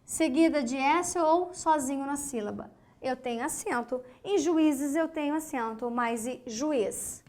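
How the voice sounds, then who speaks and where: A woman's voice: high voice, a little mellow. A woman from Brazil teaching an online grammar lesson, speaking emphatically, asking questions and answering them herself, and spelling words out syllable by syllable. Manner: slow, emphatic, asks and answers her own questions.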